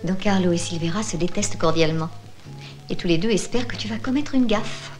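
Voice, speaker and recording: A woman's voice: lowish voice, a little fast, darkish tone, close to an everyday voice. An actress playing a small, short-sighted, mercenary female informant in a dubbed film drama, with a teasing, theatrical manner. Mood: smug, teasing. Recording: music behind the voice.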